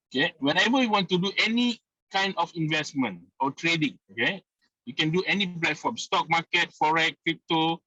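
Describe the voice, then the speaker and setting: A man calls into a video meeting on speakerphone while driving, giving a persuasive investment pitch and repeating "okay" and his key points. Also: sharp tone, husky, no room sound. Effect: speakerphone call from a moving car. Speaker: investment group leader. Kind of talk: sales pitch on a video call. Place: inside a car while driving. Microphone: phone or car speakerphone on a video call. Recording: dull lo-fi call audio.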